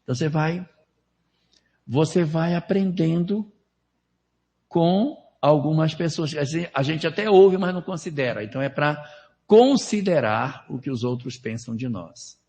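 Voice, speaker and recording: A man lectures conversationally at a spiritist seminar in a spiritist center's lecture hall, posing rhetorical questions and laying out numbered steps. His voice sits on the high side with a darkish tone and a slightly slow pace.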